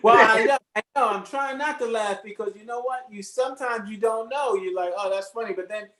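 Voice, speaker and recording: A man's voice: high voice, fairly quick, a bit bright. A man co-hosting a podcast in a casual chat, explaining things for listeners and reacting to his guest with sympathy. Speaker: podcast co-host. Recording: roomy echo.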